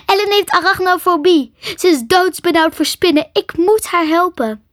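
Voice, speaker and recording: A woman voicing a brave, protective female dragon in a storybook reading, speaking in breathy, fading whispers. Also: a little high, fairly even intonation, normal speed, dry recording, clean studio sound. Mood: urgent.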